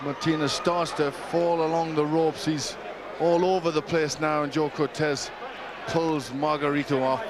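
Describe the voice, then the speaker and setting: Male boxing analyst, a touch high, conversational expert summary, very noisy crowd behind. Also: flat delivery, measured pace. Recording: loud crowd and noise behind commentary.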